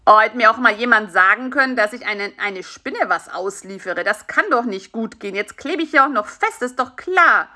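A woman's voice: high-pitched, bright, forceful tone, voice pushed up. A woman playing a flustered beetle courier. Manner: quick, flustered and prim. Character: flustered, fussy male beetle delivery man. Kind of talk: children's audiobook voice acting.

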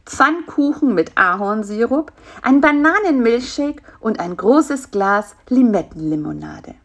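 A woman narrates a children's story slowly and with lots of expression. Her pitch rises and falls in a lively way, and her voice has a gravelly rasp. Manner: slow and expressive.

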